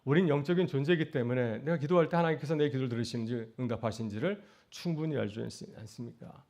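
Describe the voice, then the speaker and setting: A middle-aged male pastor delivering a sermon at a brisk clip. His voice sits at an ordinary pitch, and he speaks in earnest, building through rhetorical questions to emphatic high points. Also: darkish tone.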